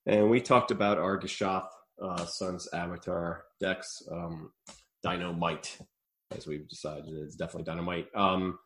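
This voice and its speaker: A man's voice: sits low, fairly even intonation, moderate pace, fairly bright tone. A man hosting a casual podcast chat, rambling and laughing often, swearing casually. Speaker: podcast host.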